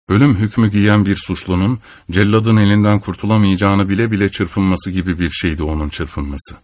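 A male audiobook narrator reads a literary text in a measured, solemn style. His voice sits low. The recording is dry and close, with no room sound. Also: no echo.

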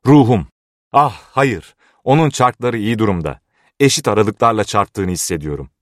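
A man's voice: fairly low pitch, big pitch swings, brisk, no echo, clean studio sound. A man voicing a frantic, half-mad old male clockmaker who cries out in anguish, in an audiobook reading. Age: older. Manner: anguished shouting.

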